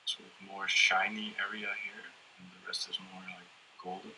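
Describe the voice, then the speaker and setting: A man with a low voice and a bright, forward tone talks slowly through a hands-on electronics demonstration. He hesitates often, fills gaps with ums and restarts, and chuckles now and then. A faint hiss and small tool clicks sit behind him. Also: little pitch movement, rough recording. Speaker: workshop presenter.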